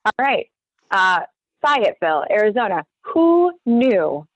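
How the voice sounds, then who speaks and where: A woman co-hosting an online real estate training, chatting casually as she walks through a screen-share tutorial with quick apologetic asides. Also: medium pitch, very animated, no room sound. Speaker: real estate agent and co-host. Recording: dull, dry lo-fi video call.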